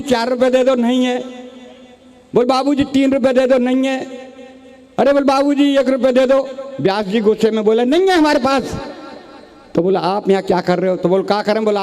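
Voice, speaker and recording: A man performs a comic poem on stage, telling his story through quoted dialogue. His voice sits high and sounds mellow and warm. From Rajasthan. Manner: storytelling with quoted dialogue, addresses audience as bhai sahab. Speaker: comic poet. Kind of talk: humorous poem recital on stage.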